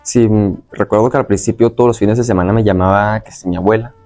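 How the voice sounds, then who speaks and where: Fast and steady, a young man from Venezuela speaks in a lowish, somewhat dark voice over soft background music. Answering as an interview guest, he reminisces casually about his experiences, somewhat hesitantly and in a roundabout way.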